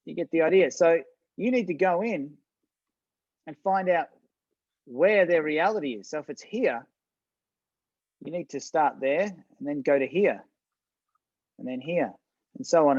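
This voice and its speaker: A man runs an online business workshop in a relaxed, conversational style, repeating words, restarting sentences, and checking in with his audience directly. His voice is fairly high and expressive, with a darkish tone, and he speaks a little slowly with frequent pauses. The audio is dull, with no room sound.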